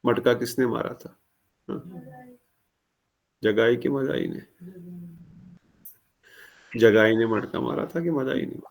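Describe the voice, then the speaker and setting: A man's voice: mid-range voice, slow pace, creaky, long pauses. A man giving a devotional discourse, retelling a sacred story with acted-out dialogue and questions to the listeners. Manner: animated, acts out dialogue, asks audience questions. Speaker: preacher.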